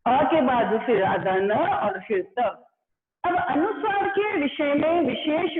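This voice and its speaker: Woman teacher slowly going over grammar, tinny phone-like audio, crowd noise behind. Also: high-pitched. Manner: slow, repeating explanations, addressing students as beta. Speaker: school teacher. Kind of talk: online grammar lesson. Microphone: blackboard class recorded.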